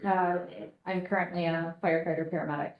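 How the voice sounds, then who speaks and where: A woman testifying in court as a paramedic, polite and measured, heard as a courtroom recording. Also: fairly low pitch, little pitch movement, lo-fi sound. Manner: polite, measured, answering with "yes, sir". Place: courtroom witness stand. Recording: echoey courtroom audio.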